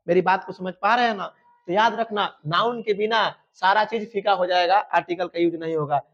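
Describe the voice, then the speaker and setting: Male teacher, high voice, emphatic and repetitive exam coaching, dull lo-fi recording. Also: fairly bright tone. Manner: emphatic, repetitive, addresses students fondly. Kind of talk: exam-prep grammar lesson. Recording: dull lo-fi sound.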